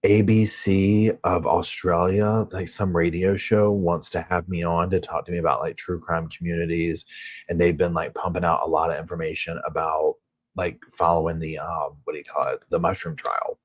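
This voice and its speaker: Speaking from a hotel room, a Southern US man hosts a casual true crime live chat, rambling and reading viewer comments aloud. His deep voice has a flat delivery at normal speed. As a true crime channel host, he's chatty and heavy on filler words.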